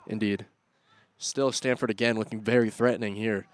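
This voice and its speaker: A young man doing play-by-play commentary on a school soccer match, jumping up loudly when attacks build. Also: on the low side, normal speed, no echo. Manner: excitable, rising loudly on attacks. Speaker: student sports commentator.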